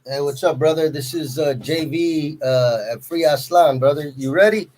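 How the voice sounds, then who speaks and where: A man's voice: a little high, normal speed, darkish tone. A man hosting a casual interview show in a laid-back way, often calling people "brother". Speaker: host.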